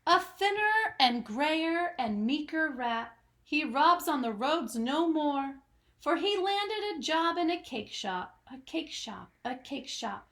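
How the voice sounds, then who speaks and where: A woman's voice: high-pitched, expressive, takes it slowly, a bit bright. A woman reading aloud to young children as host of a story time, in a dramatic, singsong storytelling manner. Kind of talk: expressive picture-book read-aloud for young children.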